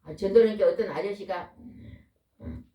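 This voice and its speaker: A woman preaching a lively, folksy sermon, a pastor's wife who keeps asking the congregation questions. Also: medium pitch, moderate pace, dull audio. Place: church hall. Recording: echoey hall, voice from far off.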